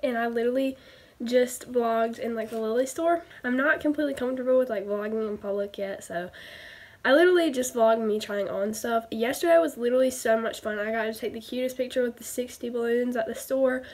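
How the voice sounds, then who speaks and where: A woman's voice: fairly high pitch, fairly quick. Chatty Southern teen girl vlogger. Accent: Southern American. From American South. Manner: chatty, fillers of "like" everywhere. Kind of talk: casual haul vlog. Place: bedroom, indoors. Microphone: webcam at desk distance.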